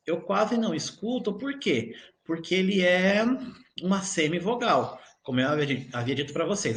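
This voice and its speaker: A male teacher with a Brazilian Portuguese accent gives an online grammar lesson, explaining slowly and often checking in with his students. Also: on the high side, a bit bright. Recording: echoey room.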